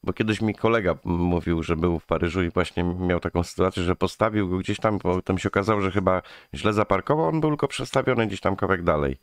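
A man from Poland with a fairly low voice hosts a relaxed interview, pausing to search for words with plenty of fillers. His voice sounds close and dry. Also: no echo. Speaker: host. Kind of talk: casual interview.

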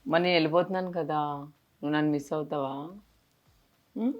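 Young woman vlogging, soft coaxing voice, sits a bit low, sweet-talking a little kid. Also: steady tone, fast, lo-fi sound. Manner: coaxing, tender, talks to a small child. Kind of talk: casual vlog chat.

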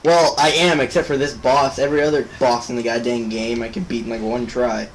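A young man casually commentating a video game, excitable and swearing, shouting at the screen when things go wrong. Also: medium pitch, brisk. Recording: noisy home recording.

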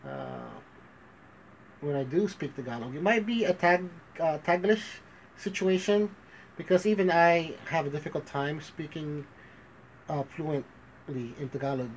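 This vlogger, a thirties man from the Philippines who grew up in the US and sounds American, talks into an arm's-length phone camera in his small bedroom. His voice is fairly high and animated, unhurried with frequent pauses, as he rambles, restarts, and slips in Tagalog, on a low-quality recording with slight background noise.

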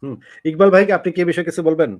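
A man hosting a live online discussion talks quickly, in a slightly higher voice than most men. He explains his points at length and often ends with rhetorical questions. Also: a little mellow.

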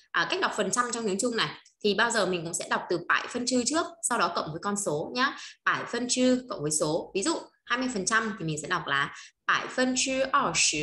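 A woman teaching a language lesson, drilling words slowly and repeating them, often stopping to check that her students follow. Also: medium pitch, sharp tone, roomy sound. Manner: asks frequent checking questions.

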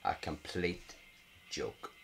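A man's voice: low-pitched, extremely slow, creaky, slight background noise. A man with a Northern Irish accent giving live commentary on a mobile game, exasperated, muttering and swearing at the screen. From Northern Ireland. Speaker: gaming vlogger. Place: home at night.

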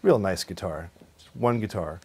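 A man from California with a fairly low voice talks in a relaxed, casual way as a guest guitarist. He tells stories with frequent laughs and acts out the things people said to him. He is being interviewed at his home by the pool. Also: normal speed, slightly rough. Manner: chatty storyteller, laughs often, acts out quotes.

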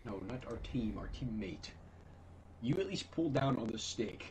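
Young male gamer, animated banter, noisy chat mic. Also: medium pitch. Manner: joking, quick reactions, laughs often. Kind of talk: casual gaming chat.

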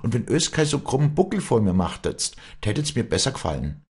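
A man's voice: medium pitch, very animated, a little fast, darkish tone, breathy edge, pitched above the performer's own voice. A man voicing a proud young peasant woman who now runs her farm, speaking firmly in rural dialect. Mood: stern. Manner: firm, commanding, in rural dialect.

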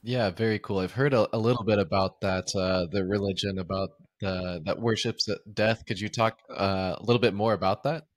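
A man's voice: lowish voice, steady tone, brisk, hardly any pauses, dry recording, clean studio sound. A male podcast host asking interview questions, hesitant, with many restarts.

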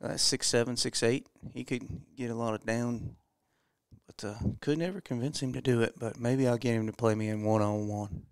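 A man doing casual, joking color commentary on a high school baseball game. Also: steady tone, moderate pace, smooth, no room sound, clean studio sound. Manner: joking, chatty, self-deprecating. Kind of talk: casual local sports commentary.

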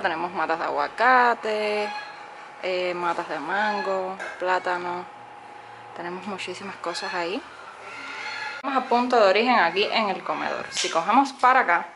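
Brief: young Cuban-accented woman vlogger, chatty phone-filmed house tour, faint hiss. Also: medium pitch. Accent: Cuban Spanish. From Cuba. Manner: chatty, many "eh" fillers, addresses viewers directly. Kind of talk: casual house-tour narration. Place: small home, indoors. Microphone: handheld phone camera, speaking from behind it.

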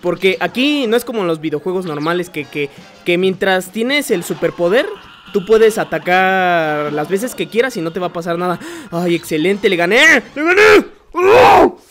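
A man giving gameplay commentary, excitable, yelping and swearing when he gets hit. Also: sits high. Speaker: gamer. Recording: faint music behind.

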